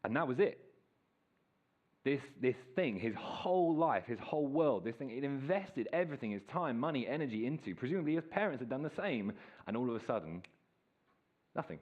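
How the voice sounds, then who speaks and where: A man, preaching a sermon in a relaxed, storytelling way. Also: medium pitch, brisk, dull audio. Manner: casual, self-deprecating, lively storytelling. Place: church hall.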